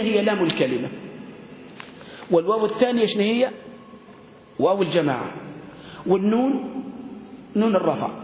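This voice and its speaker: A man teaching a grammar class, questioning his students and spelling words out slowly. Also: high-pitched, darkish tone. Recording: echoey room with long reverb, faint noise.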